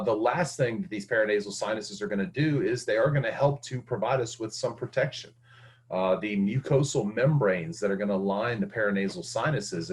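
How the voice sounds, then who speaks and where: A man teaching an anatomy lesson, explaining step by step with frequent fillers and restarts. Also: lowish voice. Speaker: anatomy instructor. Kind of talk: recorded lecture.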